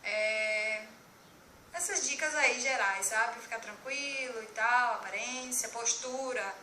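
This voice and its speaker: A young woman chatting casually about her job interview, fast and tripping over her words now and then. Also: fairly high pitch, bright, forceful tone, roomy sound, a little hiss or hum. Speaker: vlogger giving job interview tips. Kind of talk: casual chat.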